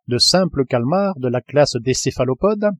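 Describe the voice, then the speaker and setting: A man's voice: mid-range voice, lively intonation, moderate pace, no room sound, natural voice. A man voicing an earnest, pedantic manservant who speaks with unflappable seriousness, in an audiobook reading.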